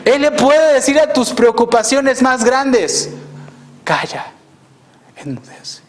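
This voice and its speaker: Male pastor, sermon; high pitch, slow and deliberate, earnest with rhetorical questions and soft hushed stresses. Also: fairly even intonation. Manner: drops to a soft hush on key phrases.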